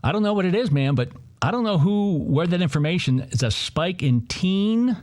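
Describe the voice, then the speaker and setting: A male commentary host from New Jersey with a lively, swooping voice. He rants sarcastically, jumping between mockery and exasperation. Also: sits high, normal speed. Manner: sarcastic, heated, mocking asides. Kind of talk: opinionated political commentary.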